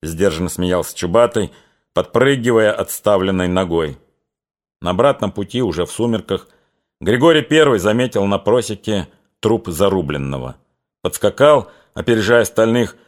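Low-voiced male audiobook narrator. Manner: measured, even reading that drops lower and quieter in somber passages. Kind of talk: scripted literary narration.

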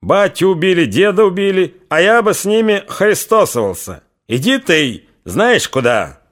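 Vengeful young Cossack, raging and threatening, voice raised high , read by the narrator. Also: male voice, sing-song, moderate pace, fairly bright tone. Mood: furious. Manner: raging, threatening, spitting insults.

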